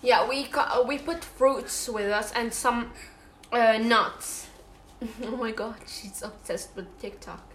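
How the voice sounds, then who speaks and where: Young woman vlogger, slightly high voice, chatty with lots of fillers, roomy echo. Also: takes it slowly, fairly bright tone, a little hiss or hum. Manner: chatty, full of fillers and restarts. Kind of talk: casual chat while eating.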